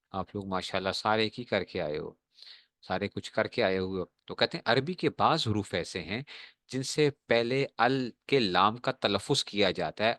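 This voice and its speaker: A male teacher giving a classroom lesson, often checking whether students have understood and drawing out example words slowly. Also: on the low side, pushed and bright, dry recording, studio quality.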